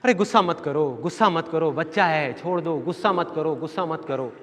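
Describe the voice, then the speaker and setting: A man putting on a high, fussy pleading mother. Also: a little fast, a bit bright, long reverb tail, lightly acted. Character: fussing mother, pleading then exasperated.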